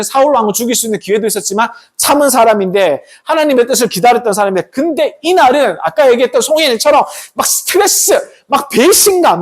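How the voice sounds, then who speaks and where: A pastor preaching to a youth group in a lively storytelling manner. The voice rises and falls widely, with a slightly husky edge. The pastor keeps pulling the kids in with quick questions. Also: medium pitch. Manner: animated, asks the kids questions often, tag questions.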